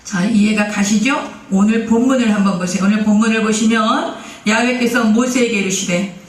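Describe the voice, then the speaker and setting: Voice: medium pitch, steady tone, moderate pace, reverberant, far from the mic, poor audio. A pastor preaching a sermon, putting questions to the congregation and answering them. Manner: acts out quoted speech in character. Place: church sanctuary.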